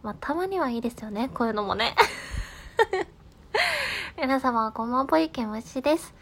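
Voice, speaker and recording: A woman with a Kansai accent talks on her own in an easy, settled way, reading listener letters aloud. Her voice sits a little high, and she laughs lightly at her own slips. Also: moderate pace. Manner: calm, laughs at herself. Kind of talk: casual solo talk.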